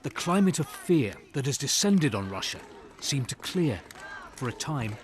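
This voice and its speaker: A man narrating a scripted news report as a correspondent, solemn and measured, in short phrases. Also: medium pitch, very animated.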